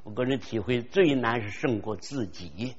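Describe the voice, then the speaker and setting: An older man preaching a sermon, earnest and storytelling, slowing down to stress key phrases, in a dull recording with long hall reverb. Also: medium pitch, slight background noise.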